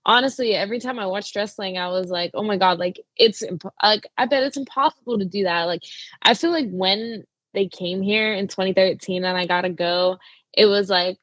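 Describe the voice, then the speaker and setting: A woman's voice: medium pitch, normal speed, fairly bright tone, no echo, highs cut off. A young woman wrestler talking casually in an interview, with lots of "like" fillers. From Arizona. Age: young adult. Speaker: wrestler guest.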